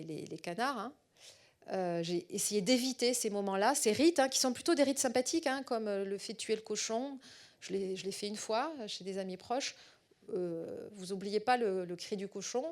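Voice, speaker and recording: A middle-aged woman researcher giving a public lecture in a southwestern French accent. She speaks at a medium pitch for a woman. Her talk keeps stopping on fillers and repeated little words as she searches for the next phrase.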